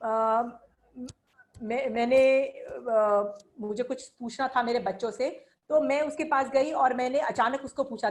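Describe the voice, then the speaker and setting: A woman's voice: a little high, slight background noise, low-quality recording. A middle-aged woman giving an earnest religious lecture, mixing Hindi and English and teaching through personal anecdotes.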